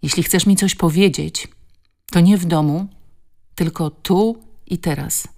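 A woman's voice: on the low side, measured pace, darkish tone. A woman reading a bitter, hurt young mother. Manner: cold and bitter. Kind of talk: audiobook dialogue.

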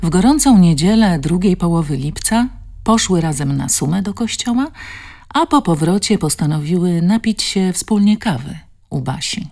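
A woman narrating an audiobook in a measured, expressive reading. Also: lowish voice. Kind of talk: scripted narration.

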